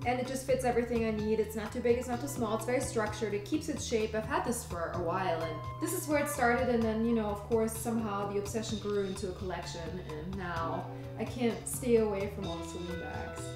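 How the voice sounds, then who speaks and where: Here a young Munich fashion blogger talks briskly at medium pitch, barely pausing. She's excitedly showing her wardrobe in an informal interview, leaning heavily on "like" and "you know." Music sounds behind her in an echoey space.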